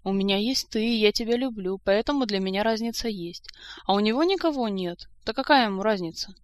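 A woman's voice: mid-range voice, brisk, dry recording, voice pushed up, lightly acted. Woman reading young male noble heir, grumbling, plain-spoken, dry close sound.

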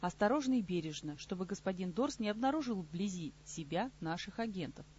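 A woman voicing a sardonic middle-aged king in an audiobook, dry and unhurried, on slightly muffled audio. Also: medium pitch, animated, a little mellow, slight background noise, natural voice. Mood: dry mocking. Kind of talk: audiobook character reading.

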